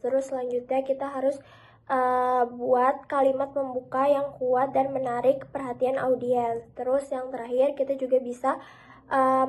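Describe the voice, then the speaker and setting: High, steady young woman presenting. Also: poor audio. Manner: steady explanatory delivery with frequent fillers. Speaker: student presenter. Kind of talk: training module presentation.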